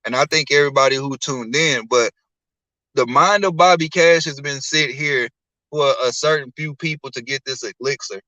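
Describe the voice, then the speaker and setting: A man on a live stream explaining his beliefs slowly and firmly, like a preacher. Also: medium pitch, sharp tone, no room sound, low-quality recording. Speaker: guest. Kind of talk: casual live-stream talk.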